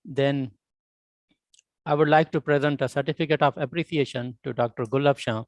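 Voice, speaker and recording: A man's voice: medium pitch, steady tone, moderate pace, dry recording. A man speaking as a conference host, making formal, courteous announcements.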